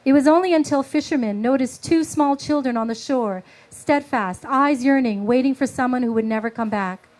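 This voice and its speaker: A woman's voice: high-pitched, darkish tone, poor audio. Woman reading her story aloud. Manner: halting, filler-heavy speech between readings; slow, measured literary reading. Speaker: author reading her work. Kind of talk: book reading. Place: book launch event.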